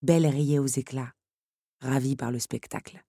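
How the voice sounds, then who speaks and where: A woman narrator reading a storybook aloud in a measured, expressive way. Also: extremely low pitch, slightly rough, no echo, studio quality.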